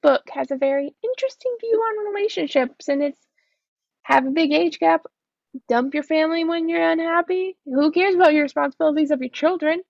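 A woman's voice: high-pitched, a little fast, vocal fry, a little mellow, no echo, dull audio. A woman co-hosting a casual book discussion, chatty and swearing, acting out quotes. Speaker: book podcast co-host.

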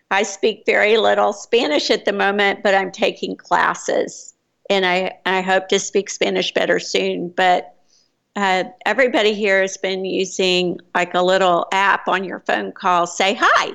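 An American living abroad, this woman speaks with a Texas accent and chats casually, rambling with fillers and restarts. Her mid-range voice is a bit bright and has vocal fry.

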